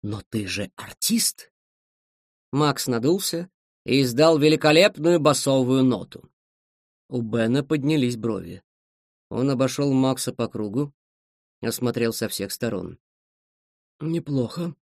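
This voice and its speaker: A man reading a story aloud as the narrator, in a lively, expressive way. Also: mid-range voice, a little slow, vocal fry, dry recording, clean studio sound. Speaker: audiobook narrator. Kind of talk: scripted narration.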